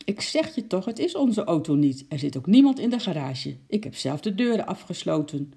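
Narrator doing a cranky stubborn husband, stern and loud, dark gravelly voice, storybook. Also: mid-range voice, sing-song, normal speed. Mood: irritated. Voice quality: stern, irritated. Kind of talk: children's storybook reading.

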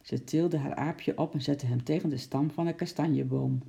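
Dark, gravelly storybook narrator. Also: mid-range voice, fairly even intonation, moderate pace. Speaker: audiobook narrator. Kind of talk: children's story reading.

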